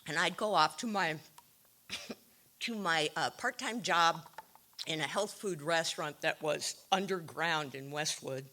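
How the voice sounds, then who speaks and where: A woman telling her own recovery story to a meeting, wry and self-deprecating, with frequent pauses and ums. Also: deep voice, pushed and bright. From California. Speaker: AA speaker sharing her story. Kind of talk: recovery share, candid storytelling.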